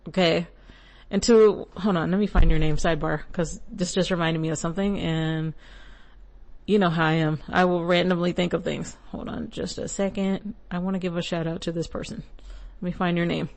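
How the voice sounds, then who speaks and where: This podcast host, a young millennial woman and native English speaker, shares casual spiritual guidance while rambling, laughing, and wandering into asides. Her voice sits low and steady at a normal speed, with a slightly mellow quality.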